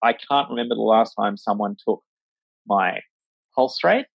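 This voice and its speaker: A man's voice: on the low side, normal speed, gravelly, slightly rough, no room sound. Man, vet, casual rambling interview chat, many fillers, dry dull recording. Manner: acts out voices when quoting. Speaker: veterinarian, interview guest.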